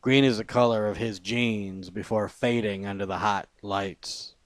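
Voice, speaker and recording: A poet with a fairly low male voice reads spoken-word poetry, phrasing deliberately and pausing between short lines. His intonation stays fairly even, and the recording is dry with very little room sound and no echo.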